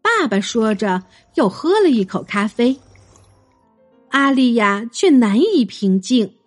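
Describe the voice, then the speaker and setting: A woman narrating a children's story in a gentle, expressive way. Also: a little high, takes it slowly, soft background music.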